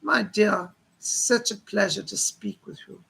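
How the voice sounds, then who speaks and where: A man working as a seance medium, voicing a gentle, motherly woman spirit in a genteel, old-fashioned, consoling manner with a husky voice. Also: high-pitched, full character voice, low-quality recording. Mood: soothing, solemn. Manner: genteel, old-fashioned, slow solemn reassurance.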